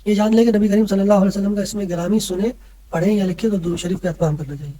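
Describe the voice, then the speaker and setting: A man's voice: sits high, fairly even intonation, mellow, a little hiss or hum, poor audio. A man teaching a religious lesson to children, patiently explaining and often checking that they follow. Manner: patient, keeps checking in with listeners.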